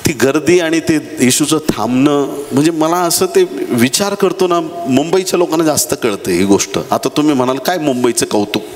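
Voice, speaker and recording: Fervent preacher in an echoey hall. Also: male voice, expressive, normal speed, hardly any pauses. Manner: dramatic preaching, shifts from low murmurs to high shouted appeals. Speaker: pastor. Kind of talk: sermon. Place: church hall. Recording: echoey hall with faint background noise.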